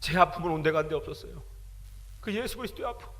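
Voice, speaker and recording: Impassioned high-voiced male preacher. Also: expressive, fast talker. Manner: impassioned storytelling, builds to shouting. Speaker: pastor. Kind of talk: sermon. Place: large prayer retreat hall. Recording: long hall reverb.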